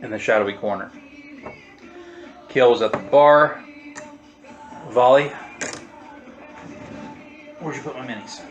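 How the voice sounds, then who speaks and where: A man's voice: medium pitch, a little slow, long pauses, dull audio, soft background music. A man acting as game master, casually describing scenes for his players. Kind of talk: running a tabletop game.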